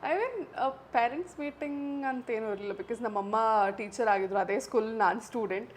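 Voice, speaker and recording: A young woman from Karnataka, guesting on an interview as a television actress. Her voice sits a little high, and she talks in a playful, easy way, laughing often and slipping English into her sentences. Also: moderate pace, slight background noise. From Karnataka, India. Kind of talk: casual interview chat.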